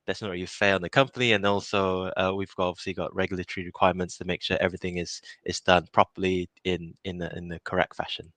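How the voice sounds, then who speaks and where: A man's voice: deep voice, little pitch movement, fast talker, few pauses, a bit bright, no room sound. A man from Malaysia in his thirties, answering interview questions casually, with many fillers, restarts and easy laughs. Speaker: innovation project lead.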